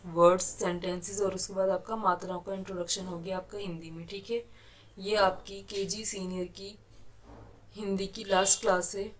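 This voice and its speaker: Patient woman teacher, flat steady delivery. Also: medium pitch. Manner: patient, explains step by step, often checks with "ठीक है". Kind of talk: online kindergarten lesson.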